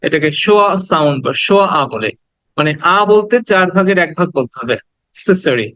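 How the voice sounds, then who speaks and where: A man teaching English pronunciation, speaking slowly and repeating each word for his students to copy. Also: high-pitched, a bit bright, smooth, dry recording, low-quality recording. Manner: slow and deliberate, repeating words for students to copy. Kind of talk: classroom lesson, mixing Bengali and English.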